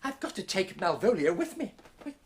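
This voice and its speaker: A man's voice: high-pitched, big pitch swings, fairly quick, background noise. A man playing an eccentric, scatterbrained inventor in a children's TV show. He dithers and bursts out with "oh"s as he talks. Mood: flustered. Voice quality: flustered and dithering, with constant breathy "oh"s. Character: scatterbrained, excitable male inventor who invents words. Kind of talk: children's TV comedy acting.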